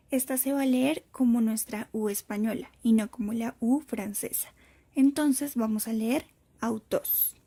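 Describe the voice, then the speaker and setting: A woman narrates a prepared lesson at an unhurried, careful pace, spelling out each point for her students. Her voice sits a little high but sounds mellow and soft. A breathy edge runs through it. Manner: slow, careful explanatory delivery. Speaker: teacher.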